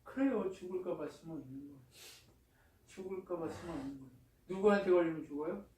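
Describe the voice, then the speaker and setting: A male pastor preaching a sermon in a church, lively and colloquial, often asking the congregation questions. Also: on the high side, fast talker, slight background noise. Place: church sanctuary. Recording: echoey church hall, distant mic.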